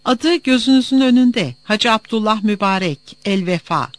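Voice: medium pitch, expressive, moderate pace, dry recording, pitched above the performer's own voice, close to an everyday voice. A reader voicing a 27-year-old man answering an interrogation with short, guarded replies, in an audiobook. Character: young Palestinian man of 27, wary traveler.

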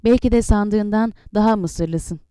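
A woman reading the lines of an earnest young male warrior captain, pleading and reasoning calmly. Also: mid-range voice, measured pace, clean tone, dry recording, clean studio sound, natural voice.

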